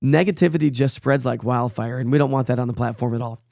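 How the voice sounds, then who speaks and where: A male meteorologist losing his voice to a cold gives a casual live weather forecast in a medium-pitched, slightly mellow voice with vocal fry. He talks quickly in a chatty, folksy, rambling way full of fillers, and the recording is dry and studio quality.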